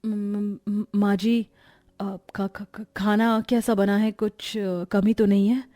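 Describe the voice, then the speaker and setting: A woman's voice: a little high, measured pace, darkish tone, no room sound, lightly acted. A woman voicing a nervous young bride who stammers out of fear of her mother-in-law, in a cartoon story. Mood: stammering.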